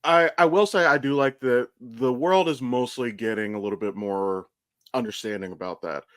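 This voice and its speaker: A fairly bright, mid-range male voice at a moderate pace comes through in a dry recording with clean studio sound. He's an Ohio podcast host in his thirties, conversing candidly with rambling tales and lots of profanity.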